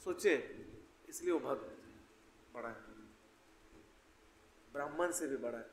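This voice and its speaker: A man's voice: mid-range voice, unhurried, a little hiss or hum. A man giving a devotional scripture lecture in a conversational, anecdotal way, often wry. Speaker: preacher giving scripture class. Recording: echoey hall with faint ambience.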